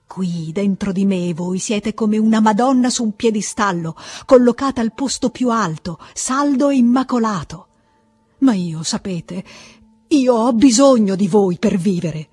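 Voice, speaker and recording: A woman's voice: fairly low pitch, sing-song, unhurried, mellow, husky, heavily acted. A woman reading aloud, voicing an insistent male seducer whose declarations swell with fervour. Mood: ardent.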